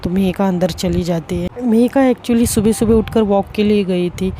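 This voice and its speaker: Slow, mellow young woman storyteller. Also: mid-range voice, a little hiss or hum. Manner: slow, deliberate, with frequent restarts. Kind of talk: serialized story narration.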